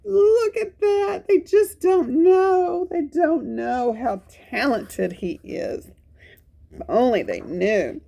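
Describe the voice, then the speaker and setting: A woman hosts a children's storytime, reading a picture book aloud in an animated way, exclaiming, making chatty asides, and repeating phrases for young listeners. Her voice is high-pitched, slow, and creaky, and the recording is muffled.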